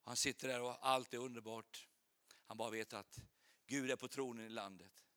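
A male preacher who also teaches at a Bible school delivers an animated sermon to a church congregation, telling stories and firing off rhetorical questions. His voice sits in the mid range.

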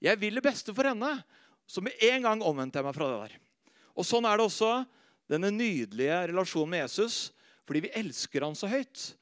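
A man preaching a sermon, telling stories about himself with laughter, then going soft and slow when he speaks of faith. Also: high voice, very animated, no room sound, studio quality.

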